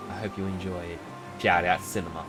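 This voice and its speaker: A man chatting casually as a livestreamer, in an animated, theatrical and chatty manner while he plays a game. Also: low-pitched, fairly quick, low-quality recording. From Australia. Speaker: livestreamer, VTuber. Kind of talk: casual gameplay stream chat with read-aloud game dialogue. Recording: music behind the voice.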